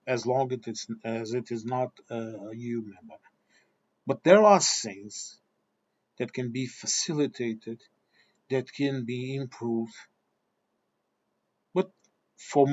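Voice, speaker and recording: A video commentator with a mid-range voice rants straight at his viewers in a blunt, combative monologue. He is a native Portuguese speaker with a Portuguese accent, and the recording sounds muffled.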